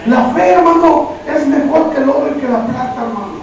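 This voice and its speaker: A man's voice: extremely high pitch, brisk, dull audio. A man preaching a sermon, calling listeners brother over and over as he retells Bible stories. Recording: very echoey room, from far off, faint noise.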